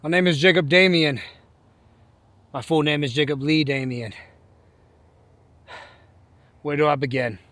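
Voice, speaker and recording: An American man in his thirties speaks in a fairly high voice. He tells a personal story off the cuff, circling back and repeating phrases as he goes. The sound is dry, with very little room echo. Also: steady tone, measured pace, pauses often, a bit bright. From Fremont, California, raised partly on army bases. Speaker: host of a personal story series. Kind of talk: casual autobiographical storytelling, unscripted.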